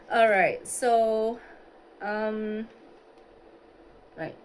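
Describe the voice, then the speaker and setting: In a rough phone-on-stand recording with slight background noise, a Singaporean beauty livestreamer does a makeup look. Her voice is a little high as she chats casually, thinking aloud while answering viewers.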